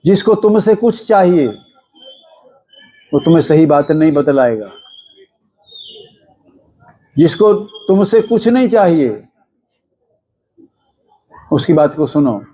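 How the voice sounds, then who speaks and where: A man's voice: fairly high pitch, lively intonation, takes it slowly, pauses often, mellow. A man giving a devotional discourse, asking his listeners rhetorical questions and chanting scripture verses now and then. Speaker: religious storyteller.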